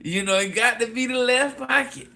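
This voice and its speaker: With an extremely high, gravelly voice and a sharp tone, this man talks at a moderate pace to his viewers in a casual live chat. He's a fashion designer promoting his clothing brand, and he keeps repeating himself, whooping, laughing, and addressing someone as "sis."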